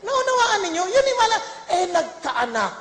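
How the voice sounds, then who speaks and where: A woman preaches with a very high, lively voice that swoops up and down. She tells the story playfully and laughs often, asking the congregation questions. The sound rings around a large hall with a long reverb. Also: normal speed. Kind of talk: humorous Bible storytelling sermon.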